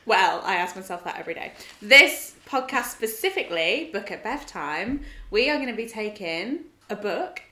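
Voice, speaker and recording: A young woman co-hosts a relaxed podcast from her home, trading joking, sweary banter. Her voice is bright and crisp, and the recording carries a roomy echo. She sits at a medium pitch for a woman. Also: normal speed, few pauses. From Leeds, England. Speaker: podcast co-host. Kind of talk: casual chat.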